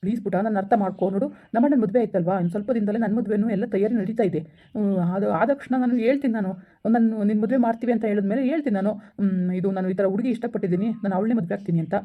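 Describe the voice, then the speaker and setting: Skit: woman playing a pleading boyfriend, rapid-fire talk through a tinny phone line. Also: mid-range voice, close to an everyday voice. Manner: pleading, explaining over and over. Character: pleading young man, apologetic boyfriend. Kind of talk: village skit phone-call acting.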